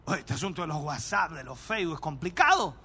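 A man preaching as a pastor in an emphatic sermon, often shouting and acting out little scenes. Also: a little high, very animated, fast, slightly rough.

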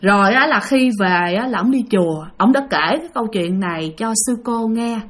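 A woman's voice: mid-range voice, expressive, moderate pace, a bit bright. A woman telling a ghost story in a chatty way, talking straight to her listeners. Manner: chatty, addresses listeners directly.

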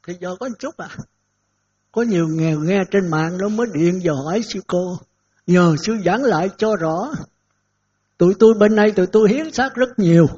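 Older monk, husky, folksy sermon. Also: male voice, sits high, darkish tone. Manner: folksy storytelling, acts out dialogues, chuckles. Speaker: Buddhist monk giving a dharma talk. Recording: dull lo-fi recording.

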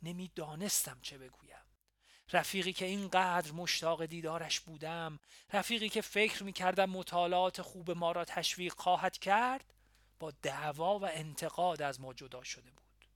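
Male audiobook narrator, reflective memoir reading, bright forceful tone, dry close recording. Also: high voice, no room sound. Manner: steady, reflective storytelling.

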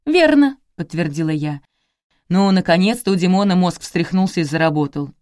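A woman narrating a comic first-person audiobook in a brisk, wry manner. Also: fairly low pitch, darkish tone, no room sound, clean studio sound.

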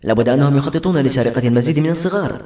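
A man's voice: rapid-fire, warm tone, close to an everyday voice. A man voicing an eager young man who offers his help enthusiastically. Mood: keen. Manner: enthusiastic, low. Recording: echoey room with music.

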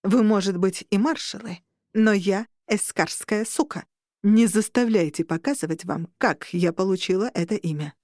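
A woman voicing a commanding female vampire marshal who speaks calmly and condescendingly. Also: medium pitch, moderate pace, no echo, clean studio sound, close to an everyday voice. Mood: cool. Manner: condescending, calm.

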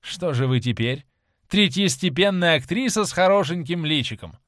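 A man's voice: on the high side, lively intonation, normal speed, a bit bright, no echo, pitched above the performer's own voice. A man reading the part of a cruel young man in an audiobook, scornful and raising his voice, recorded dry. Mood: furious. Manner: scornful, raised voice.

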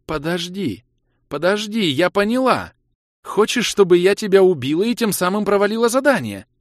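Brief: man doing a young woman paladin, high, loud, shrill and tearful, audiobook. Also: sing-song, normal speed, dry recording, studio quality. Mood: furious. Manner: shrill, sobbing accusations.

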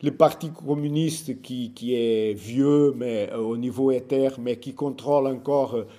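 Male speaker for an informal talk: foreign, Portuguese accent in French, slow and halting, soft-edged mellow tone. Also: medium pitch, fairly even intonation. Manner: foreign accent in French, halting delivery with searching for words and repeats. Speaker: speaker giving a political overview.

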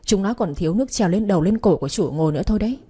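A woman's voice: medium pitch, animated, rapid-fire, dark tone, husky. A woman voicing a wealthy young husband who speaks coldly and harshly, giving orders in a storybook reading. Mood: cold fury. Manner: harsh, commanding. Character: cold angry young husband, wealthy household heir.

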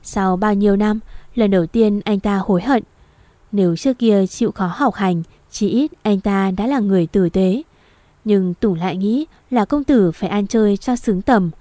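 Woman narrator for an audio novel, steady even reading, mellow dry tone. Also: mid-range voice, dry recording.

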